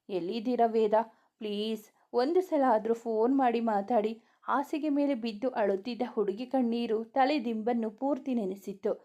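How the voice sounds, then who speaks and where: A woman reading a romantic serial story aloud, with soft, even narration and plain voices for the dialogue. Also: on the high side.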